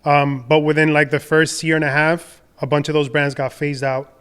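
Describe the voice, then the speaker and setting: A young adult man from the Dominican Republic, a podcast guest telling his career story in a relaxed, rambling way with many fillers and restarts. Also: a little high, moderate pace, smooth. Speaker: podcast guest, designer and entrepreneur. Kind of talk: casual conversational storytelling.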